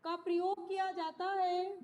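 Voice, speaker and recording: A woman teaching a class, speaking slowly, repeating key phrases and quizzing her students. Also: very high voice, little pitch movement, a little mellow. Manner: slow, repeats key phrases and asks questions. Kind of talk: classroom lesson.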